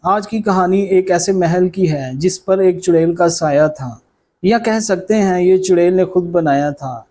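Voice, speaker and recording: Slow, high-voiced male storyteller. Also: mellow, slight background noise, low-quality recording. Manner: measured, dramatic storytelling. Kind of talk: scripted story narration. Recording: clear background music under voice. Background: background music.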